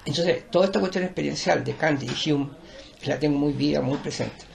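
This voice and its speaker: Older man, Chilean accent, very gravelly voice, slightly high, digressive and lecturing. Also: moderate pace. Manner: digressive, repeats words and restarts, lecturing. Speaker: art teacher and performer. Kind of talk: rambling conversational interview.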